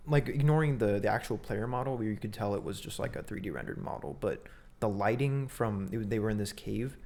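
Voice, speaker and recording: A young man co-hosting a podcast in casual chat, easygoing and agreeable, quick to laugh. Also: lowish voice, vocal fry, a little mellow. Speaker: podcast co-host.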